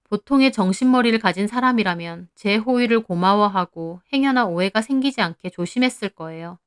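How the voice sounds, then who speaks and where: A woman calmly narrating a dramatic first-person story about her marriage. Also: mid-range voice, brisk, smooth, dry recording, clean studio sound.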